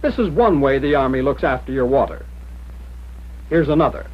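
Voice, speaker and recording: In this muffled, dull 1940s film soundtrack, an American training film narrator reads scripted military instructions. His medium-pitched voice is expressive and moves at a normal speed, and his delivery is plain-spoken, direct and instructive.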